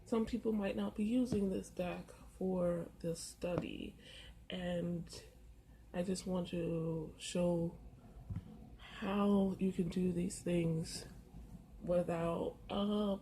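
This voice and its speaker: Poor audio from a camera mic captures a tarot and oracle card content creator speaking in a fairly low voice, her throat sore. She gives a casual, slow walkthrough of her first-floor apartment on a busy street, pausing often with soft fillers as faint street noise plays in the background.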